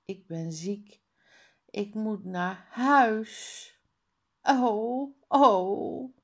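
A woman voicing a sulky schoolboy who pretends to be sick, reading a children's book aloud with high, loud, whiny protests. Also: lively intonation, extremely slow, full character voice.

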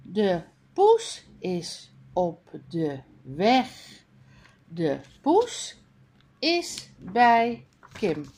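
Female reading teacher; unhurried, deliberate delivery, clearly sounded-out words, animated pitch. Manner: clearly sounded-out words with pauses between them. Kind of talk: slow read-aloud of a beginner reading lesson.

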